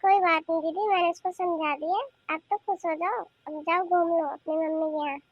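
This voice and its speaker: A sly young cartoon aunt coaxes the family in a sweet, soft-spoken high voice, as a woman voices her. The recording is dry and close. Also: steady tone, fairly quick, dry recording, dull audio. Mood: coaxing. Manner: sweet, coaxing, conspiratorial. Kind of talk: cartoon voice acting.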